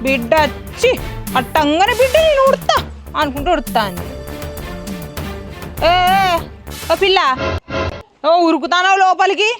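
A woman's voice: extremely high pitch, sing-song, unhurried, pauses often, music in the background, exaggerated voice. Woman playing a taunting Telangana daughter-in-law. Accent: Telangana Telugu. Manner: taunting and sarcastic. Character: sharp-tongued bossy village daughter-in-law.

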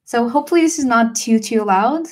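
A young woman livestreaming a watercolor session, chatting casually and relaxed with fillers and small laughs. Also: on the high side, a little fast, faint music behind. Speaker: watercolor artist streamer. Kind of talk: casual livestream chat while painting.

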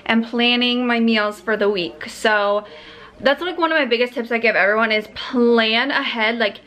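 Filming herself at arm's length in her car and kitchen, a young woman chats upbeat to the camera, dropping lots of fillers. Her voice is on the high side and fairly bright, and she speaks at a moderate pace.

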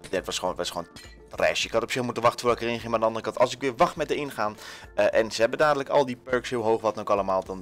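A young man with a Dutch accent giving casual, jokey gameplay commentary to his viewers, swearing and full of fillers. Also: mid-range voice. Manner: energetic, jokey, swears, shouts when panicking; many fillers, talks to viewers. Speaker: gaming YouTuber.

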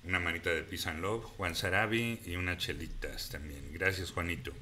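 A man's voice: deep voice, moderate pace, sharp tone, slight background noise. A man hosting a live stream, casually reading out viewer comments and thanking people by name. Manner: chatty, reads viewer comments aloud and thanks them by name.

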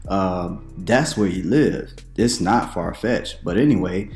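A man in his thirties, a preacher, giving casual commentary to camera from a room at home, conversational with questioning, animated asides. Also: deep voice, takes it slowly, roomy sound, soft background music.

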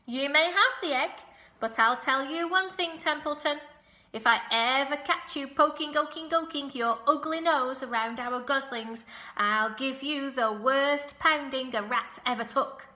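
A woman's voice: high voice, wildly swooping pitch, fast talker, hardly any pauses, a bit bright, voice pushed up, heavily acted. A woman voicing a strong, protective storybook gander who blusters and repeats his words. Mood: threatening. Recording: roomy, echoing sound.

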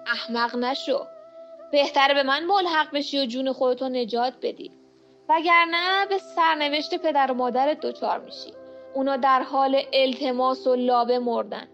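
A woman voicing an evil, snake-faced male dark lord spirit who speaks with cold menace in a storybook reading. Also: high-pitched, soft background music. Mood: angry. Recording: muffled lo-fi home recording.

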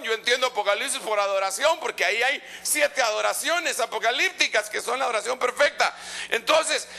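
A middle-aged male pastor with a Guatemalan accent, preaching in an impassioned, conversational way that swings from loud exhortation to hushed asides. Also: very high-pitched, creaky, husky. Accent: Guatemalan Spanish. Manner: conversational, addressing listeners as brother. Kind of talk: preaching sermon.

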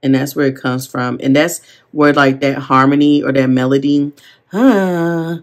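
A woman chatting casually while decorating her planner, excitable and gushing, with rambling asides. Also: extremely low pitch, normal speed. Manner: excitable, gasping and gushing over stickers. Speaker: planner vlogger. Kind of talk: casual plan-with-me chat. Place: seated at a desk at home.

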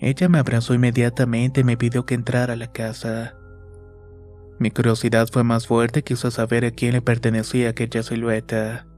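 A man reading a first-person horror story in a slow, measured, scripted narration. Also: medium pitch, completely flat delivery, darkish tone. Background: faint music.

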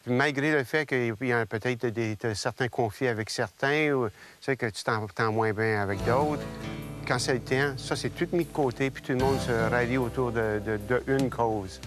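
A man's voice: medium pitch, moderate pace. Reflective man over guitar. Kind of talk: documentary interview. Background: guitar music.

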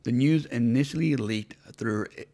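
A man with a mid-range, gravelly yet mellow voice speaks at a moderate pace. He hosts a commentary channel, mocking entertainment news with sarcasm and a habit of repeated rhetorical questions.

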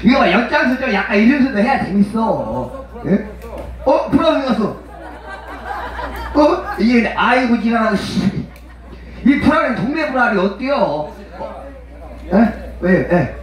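A man performs as a pumba street entertainer at an outdoor festival, bawdily joking with and teasing the crowd in a brash manner, calling listeners mother and father. His very high voice is sing-song and a little slow, with frequent pauses. A faint crowd sits behind heavy echo, and he sounds far off.

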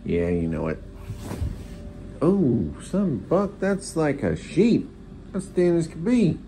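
A man's voice: a little high, sing-song, slow, dark tone. A man in his forties chatting casually and bluntly in a rambling, mildly profane handheld vlog. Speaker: travel vlogger. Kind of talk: casual vlog chat, reviewing a motel room. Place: hotel rooms and hallways, indoors. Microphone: phone at arm's length. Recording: noisy handheld phone recording.

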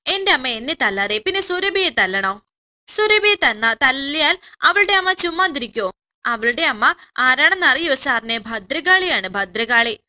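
A woman's voice: sits high, very animated, unhurried, bright, forceful tone, exaggerated voice. A woman voicing a tearful young woman pleading over the phone, in a serial story recap. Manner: pleading, weepy.

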